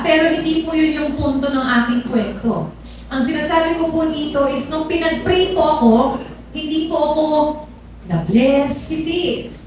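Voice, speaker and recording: In a large church hall, a woman shares her personal testimony, speaking conversationally, code-switching, and putting rhetorical questions to the congregation. Her voice sits high, heard from far off in an echoey space with background noise.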